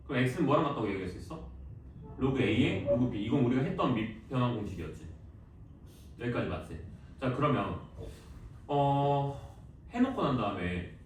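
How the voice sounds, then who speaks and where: A male math teacher giving a classroom lecture, lively and teasing, quizzing students with quick questions. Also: medium pitch, slight background noise. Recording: echoey classroom, voice from far off.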